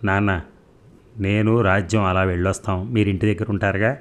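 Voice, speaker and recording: A man's voice: sits low, little pitch movement, a little fast, natural voice. A man reading the lines of a polite young married son in a told story.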